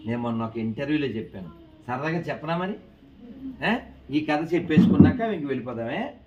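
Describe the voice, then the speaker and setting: A man telling a lively moral story to schoolchildren in an animated, coaxing way, quizzing them as he goes. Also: mid-range voice, fairly quick. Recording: distant, dull with faint noise.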